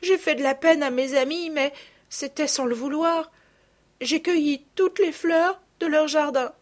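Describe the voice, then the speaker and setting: A woman's voice: high voice, a little slow, voice pushed up. A woman voicing a remorseful little girl who sobs and pleads breathlessly. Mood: tearful pleading.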